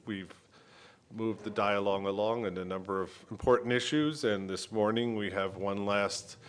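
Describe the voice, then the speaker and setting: A man chairing a meeting, making informal remarks in a halting, hesitant way with pauses. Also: fairly low pitch, clear, resonant tone.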